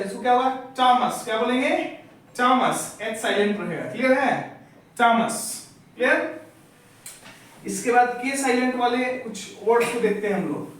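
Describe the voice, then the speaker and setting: High-voiced male teacher in an echoey classroom. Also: fairly bright tone. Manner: asks questions and has the class repeat answers. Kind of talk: classroom lecture drilling vocabulary. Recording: echoey room, far from the mic.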